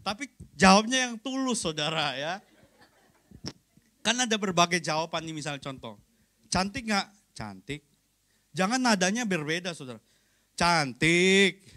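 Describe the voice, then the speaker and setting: High-voiced man preaching a chatty sermon. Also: animated, fairly quick, sharp tone. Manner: conversational, joking, keeps addressing the congregation; acts out short everyday exchanges. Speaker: pastor.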